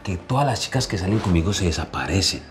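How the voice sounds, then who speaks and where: A man's voice: sits low, expressive, fast, slight background noise. A man acting in a scripted short drama, insistent and pleading.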